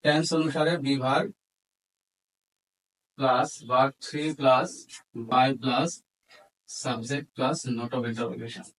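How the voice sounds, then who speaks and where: A man with a Bangladeshi accent teaches a lesson step by step, dictating piece by piece and mixing Bengali with English terms. His mid-range voice holds a steady tone but moves extremely slowly with long pauses, and the recording is rough.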